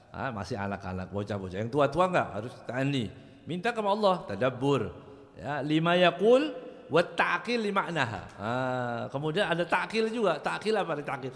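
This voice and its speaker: A man teaching a Ramadan religious study lesson in a mosque, chatty and lively, joking and chanting Arabic passages. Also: fairly high pitch, in a large hall.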